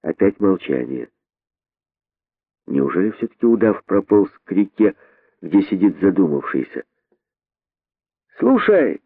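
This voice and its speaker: Lively male audiobook narrator, phone-thin. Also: low voice, moderate pace, pauses often, no room sound. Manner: lively storytelling. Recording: narrow phone-like band, dry.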